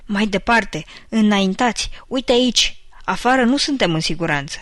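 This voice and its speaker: Give me a nervous male beaver in a storybook, hushing everyone in a husky throaty whisper, as a woman reads him. The voice is close and dry with no room around it. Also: medium pitch, expressive, no room sound, natural voice. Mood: hushed urgent. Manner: hushed and urgent. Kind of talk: audiobook character reading.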